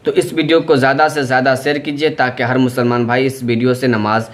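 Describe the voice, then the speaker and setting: A man's voice: mid-range voice, flat delivery, brisk. A man giving patient, step-by-step instructions for a prayer, going through each step plainly and repeating them. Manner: plain, patient, repetitive explaining. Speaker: religious teacher.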